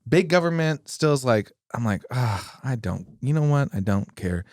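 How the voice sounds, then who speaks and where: A man's voice: medium pitch, lively intonation, moderate pace, a little mellow, dry recording, clean studio sound. A man in his thirties hosting a podcast, rambling casually with lots of filler words and a joking tone. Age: 30s. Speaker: podcast host. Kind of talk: casual interview conversation.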